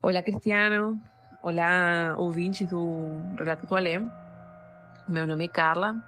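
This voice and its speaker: A woman's voice: fairly low pitch, steady tone, slow pace, over music. A woman in her thirties from Argentina with an Argentine Spanish accent, a Spanish speaker telling a personal story in a voice message with many hesitations. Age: 30s. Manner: hesitant, many fillers and restarts.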